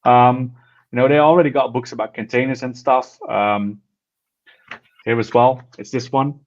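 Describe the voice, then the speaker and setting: A man's voice: mid-range voice, steady tone, moderate pace. A man co-hosting a casual tech chat, talking enthusiastically and rambling with restarts. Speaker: podcast co-host. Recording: slightly dull lo-fi sound.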